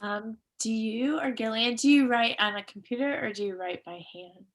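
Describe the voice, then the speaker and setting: A woman hosting a bookstore's online author event, briskly reading questions and wrapping up. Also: a little high. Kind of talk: event moderation. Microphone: video call.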